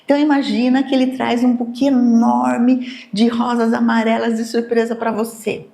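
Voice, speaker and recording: A Brazilian woman lecturing on neuroscience to a live room, her voice sitting a little high. She explains with lively energy and slips into quick acted-out exchanges between people to make her points. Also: creaky. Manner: lively, acts out everyday dialogues in quoted voices.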